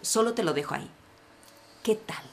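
A woman's voice: mid-range voice, normal speed. A woman, a pastor co-hosting a casual faith chat, telling stories with slangy asides. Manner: animated storytelling with slangy asides. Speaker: podcast co-host, pastor.

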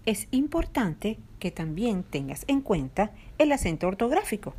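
A woman teacher reads a podcast lesson with a soft, breathy tone. Her pitch rises and falls a lot as she leans on each example word. The delivery is clear and deliberate. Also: big pitch swings. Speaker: Spanish language teacher.

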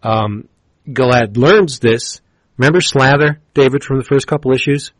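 Animated man retelling a comic plot. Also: mid-range voice, moderate pace, no echo. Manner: animated storytelling, acts out characters' lines, frequent restarts. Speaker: podcast co-host reviewing comics.

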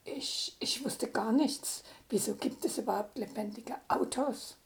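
An older woman voicing a proud, excitable young woman driver who stammers when startled, in a read-aloud story. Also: on the high side, measured pace, creaky.

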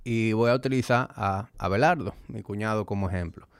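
A fitness trainer hosts a solo podcast, explaining things to the listener in a conversational way. His voice is lowish, brisk and smooth, captured in clean studio sound with no echo.

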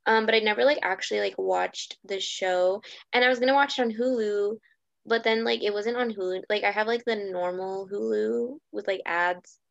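A woman's voice: medium pitch, steady tone, moderate pace, gravelly, no room sound. A young woman co-hosting a podcast in casual chat, rambling with many fillers. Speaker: podcast co-host. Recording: dull lo-fi sound.

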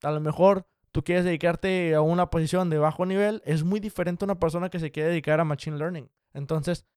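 A young man giving casual career advice straight to the viewer, direct, brisk and encouraging. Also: a little high, steady tone, a little mellow, smooth, dry recording, clean studio sound. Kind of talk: casual explanatory talk to viewers.

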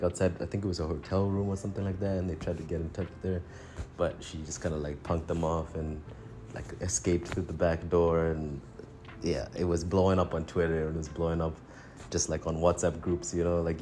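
A man's voice: low voice, flat delivery, brisk, warm tone, a little hiss or hum. A man from Tanzania co-hosting a casual podcast over a phone, rambling, restarting his sentences and chuckling between thoughts. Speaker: podcast co-host.

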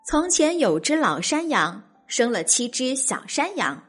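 Young female storyteller for bedtime reading, high and very lively, soft music underneath. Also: unhurried, breathy edge. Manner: gentle, animated storytelling.

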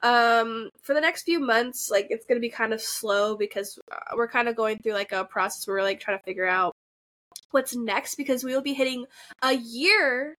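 A woman's voice: a little high, moderate pace, a bit bright. A young adult woman with a nasal voice, co-hosting a book podcast in a casual, filler-heavy chat. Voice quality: nasal this episode. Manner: chatty, filler-heavy, lots of likes and ums. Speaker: podcast co-host.

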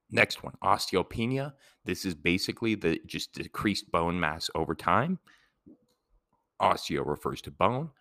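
A man's voice: low voice, dry recording, clean studio sound. A man giving a casual, rambling explainer lesson, drifting into side tangents. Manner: rambling, digressive, relaxed. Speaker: educator.

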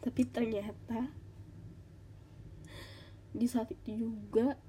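A woman hosting a podcast as a casual, halting monologue, with a congested, nasal voice like a blocked nose. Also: on the high side, little pitch movement, background noise. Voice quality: congested, stuffy-nosed nasal voice. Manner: informal, halting, with audible sighs. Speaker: podcast host.

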